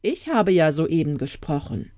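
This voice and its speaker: A woman's voice: deep voice, big pitch swings, unhurried, warm tone, no room sound. A vain, stubborn old king, voiced by a woman narrator speaks with haughty scorn. His lines come firm and a little raised in this storybook reading. The recording is dry and close. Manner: haughty, scolding.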